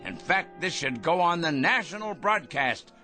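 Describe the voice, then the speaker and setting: In a radio drama, an actor plays a pompous, paranoid megalomaniac, ranting in a theatrical, feverishly excitable way. His male voice is a little high at normal speed, sounding urgent and self-important over soft background music.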